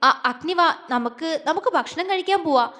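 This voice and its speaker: A woman's voice: very high voice, expressive, moderate pace, sharp tone, long reverb tail, pitched above the performer's own voice, heavily acted. A woman voicing a shy, flustered young woman in love who stammers over her words.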